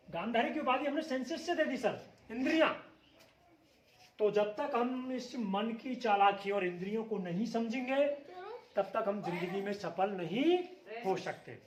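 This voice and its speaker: A man's voice: very high voice, roomy sound. A man giving a motivational speech, asking rhetorical questions and answering them himself with strong emphasis. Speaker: motivational speaker.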